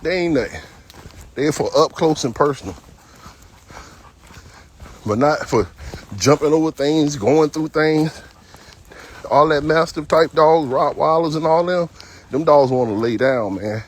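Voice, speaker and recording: Out on a trail with his dog, a man in his fifties who trains dogs talks in a fairly high, unhurried voice full of long pauses. He's blunt and chatty, telling stories in a folksy, casual way.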